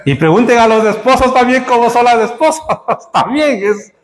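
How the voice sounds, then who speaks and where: A man preaching a sermon to his congregation, joking with them and building to emphatic high peaks. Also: moderate pace. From Spain. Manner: humorous, rising to emphatic peaks. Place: church hall. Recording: echoey church hall.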